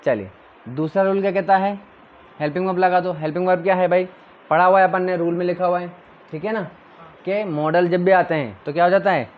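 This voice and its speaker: A man's voice: high voice, steady tone, fairly quick, phone-quality sound. A male teacher giving a classroom grammar lesson, drilling his students with questions and answers.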